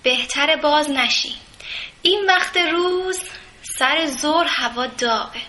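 Kind motherly rose bush voiced by a woman, high, bright voice, gentle, coaxing, storybook figure.

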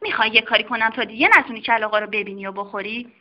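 A woman's voice: a little high, steady tone, lightly acted. A woman voicing a stern female doctor who scolds a misbehaving dog in a children's story. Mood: scolding. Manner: scolding, firm. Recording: dull lo-fi recording.

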